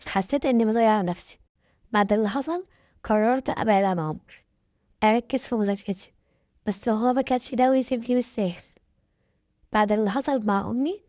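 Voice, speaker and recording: Fast-talking Egyptian woman telling a story. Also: fairly high pitch, darkish tone, dry recording, lo-fi sound. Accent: Egyptian Arabic. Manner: earnest, confessional. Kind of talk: dramatic first-person story narration.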